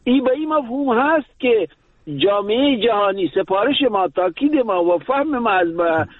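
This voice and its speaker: A man with an Afghan Dari accent, a guest in a radio interview, answering in a halting way with many hesitations over a phone call. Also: sits high, lively intonation, no room sound. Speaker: guest analyst. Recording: tinny phone line.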